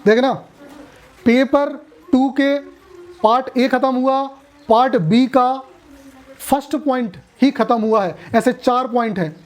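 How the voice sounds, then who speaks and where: A man's voice: very high voice, unhurried, long pauses. A man teaching a classroom lecture at a coaching class, chatty, joking and often asking students questions.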